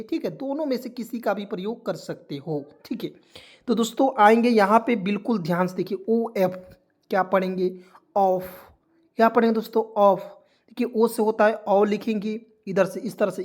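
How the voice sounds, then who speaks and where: Guy teaching english online, keeps asking then answering himself, lots of "okay friends". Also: high-pitched. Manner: repetitive, asks and answers his own questions; preachy motivational tone. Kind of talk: spoken lesson to a video audience.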